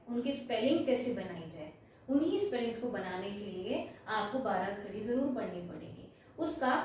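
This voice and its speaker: A woman's voice: fairly high pitch, a little hiss or hum. A woman teacher explaining a lesson step by step at a board, asking questions and answering them herself. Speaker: English teacher. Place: classroom with a board. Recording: very echoey room, voice from far off.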